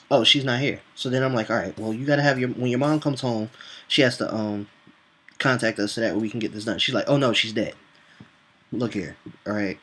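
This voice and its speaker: A young man telling a casual, profane story from his customer-service job and acting out both sides of the dialogue. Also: mid-range voice. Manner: animated, profane, acts out dialogue in voices. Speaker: vlogger telling a work story.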